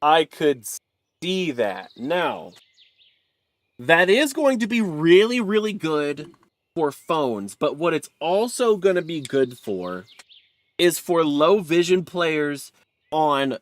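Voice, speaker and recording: Guy streaming minecraft, talking to chat, slightly high voice, dry sound. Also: sing-song, slow pace, no room sound. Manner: chatty, reacts to chat and a video. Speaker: game streamer. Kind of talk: casual live-stream chat.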